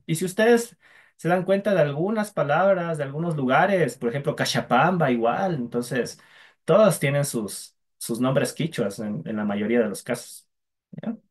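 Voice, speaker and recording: A man's voice: fairly high pitch, expressive, measured pace, breathy edge. A man teaching a language class online, patiently drilling sounds for students to repeat.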